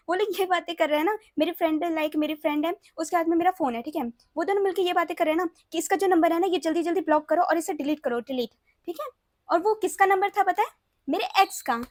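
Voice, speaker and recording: Very high-voiced young woman telling a story. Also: dry recording, clean studio sound. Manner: chatty, mixes English phrases into Hindi; repeats words, often checks in with the listener. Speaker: storytime vlogger. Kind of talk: casual storytime monologue.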